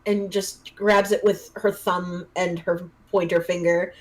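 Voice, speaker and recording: A woman narrating as game master of a tabletop role-play session, encouraging and quick to laugh. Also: fairly low pitch. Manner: lively and encouraging, laughs often.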